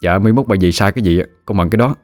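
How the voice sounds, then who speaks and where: A man's voice: sits low, rapid-fire, darkish tone, close to an everyday voice. A man voicing an eager, respectful young man.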